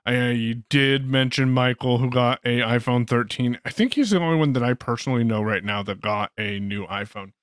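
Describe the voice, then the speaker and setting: A man's voice: mid-range voice, moderate pace, few pauses, clear, resonant tone, no room sound, clean studio sound. A man co-hosting a podcast, chatting casually about tech and making sarcastic asides. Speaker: podcast co-host.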